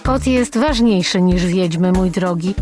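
A woman playing a stern, commanding mother who is also a colonel, in a radio audiobook drama, speaking briskly and allowing no argument. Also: lowish voice, darkish tone, soft background music, lightly acted. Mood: bossy. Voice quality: brisk, bossy, brooks no argument. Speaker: audiobook actress.

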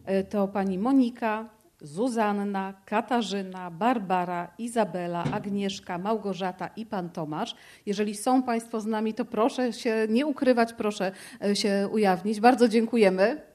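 A woman's voice: mid-range voice, normal speed. Chatty female radio host. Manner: warm spontaneous speech with fillers. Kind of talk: live premiere thank-you speech.

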